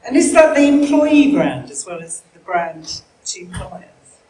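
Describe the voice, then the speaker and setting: A woman's voice: mid-range voice, big pitch swings, measured pace, mellow. A woman informally chairing a live panel discussion and putting questions to speakers. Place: live event room, microphone. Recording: echoey room, faint background noise.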